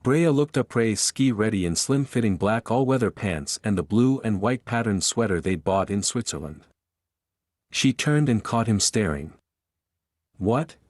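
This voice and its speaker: A male audiobook narrator with a lowish voice, telling the story at an even, steady pace. The recording is dry and close, with no room sound at all. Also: normal speed, dry recording. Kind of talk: scripted narration.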